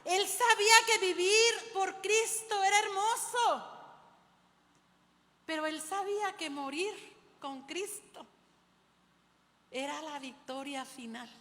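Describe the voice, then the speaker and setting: A woman's voice: very high-pitched, slow pace, pauses often, a bit bright. A woman preaching a sermon, telling stories and often calling her listeners "brother". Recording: long hall reverb.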